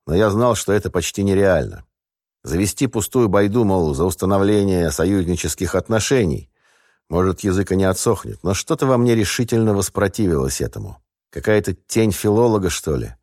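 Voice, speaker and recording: A man narrating an audiobook in a measured, wry first-person voice. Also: low-pitched, lively intonation, a little mellow, no room sound, studio quality.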